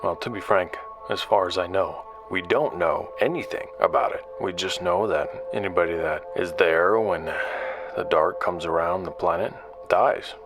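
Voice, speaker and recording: Prominent music backs this sci-fi drama, where a low-voiced man is narrator and lead, portraying a guarded, doubting investigator on a secret broadcast. He sounds tired and reflective, speaking haltingly in an understated, conversational way through confessional narration and dialogue.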